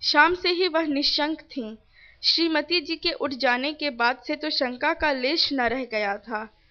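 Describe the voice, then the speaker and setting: A woman reading a novel aloud, plainly, even speaking the punctuation marks. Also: sits high, takes it slowly. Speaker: reader. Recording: dull lo-fi recording.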